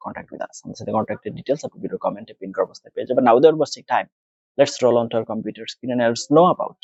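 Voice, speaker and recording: A Bangladeshi man giving a screen-share lesson on test speaking tips, talking quickly in Bengali and slowly and deliberately in English. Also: mid-range voice, creaky, a little mellow, no room sound, lo-fi sound. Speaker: test prep teacher.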